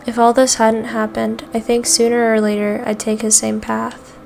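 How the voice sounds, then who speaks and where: An anxious young man, earnest and pleading, speaks in a slightly high voice, as a woman reads his lines. Faint game music plays behind. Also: completely flat delivery, moderate pace, vocal fry, darkish tone. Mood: somber. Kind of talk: reading game dialogue aloud.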